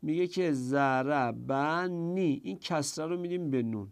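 A man's voice: on the high side, mellow. A man teaching a grammar class, explaining step by step, reciting Arabic passages and asking and answering his own questions.

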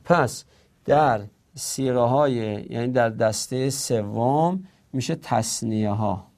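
A man's voice: medium pitch, a little mellow. A man teaching an Arabic grammar lesson, explaining step by step and answering his own questions.

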